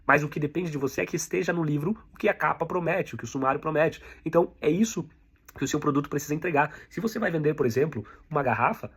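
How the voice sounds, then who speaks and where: A Brazilian man with a slightly raised pitch teaches a sales class at a brisk, rapid pace. His voice has a husky, slightly raspy edge. He coaches the listener directly and drives each point home through repetition. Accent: Brazilian Portuguese. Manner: direct, repetitive coaching, addresses the viewer as you. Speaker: sales instructor. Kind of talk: online sales lesson.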